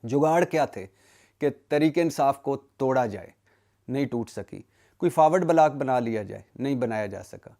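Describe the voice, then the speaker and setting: A man's voice: medium pitch, lively intonation, warm tone. A man delivers solo political commentary in an indignant, emphatic tone, with a mid-range voice. He builds his points through rhetorical questions and long lists, often breaking off words and restarting them. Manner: frequent self-corrections and cut-off words.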